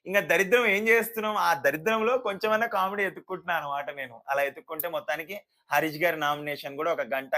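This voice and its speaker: A man giving a casual, sarcastic review of a reality show, animated and mocking. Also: mid-range voice. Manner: sarcastic, animated, mimics people.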